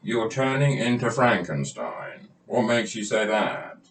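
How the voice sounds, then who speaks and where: A man's voice: lowish voice, very animated, measured pace, vocal fry. A man playing a doctor in a home-made comedy sketch, chatty and hammy, often repeating himself. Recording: roomy, distant, faint noise.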